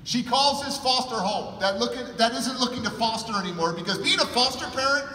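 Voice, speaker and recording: A middle-aged man from California, a conference keynote speaker telling his own story with emotion, dropping to a hush and then rising to loud emphasis. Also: very high-pitched, expressive, a little fast, slight background noise. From California, USA. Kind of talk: personal storytelling talk. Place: large hall with an audience. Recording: echoey hall, mic at a distance.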